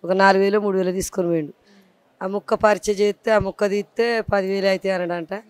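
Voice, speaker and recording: A woman's voice: mid-range voice, steady tone, fast, clear, resonant tone, dry recording. A woman with a Telangana Telugu accent, a patient's wife recounting events plainly and politely to an interviewer. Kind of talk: casual interview.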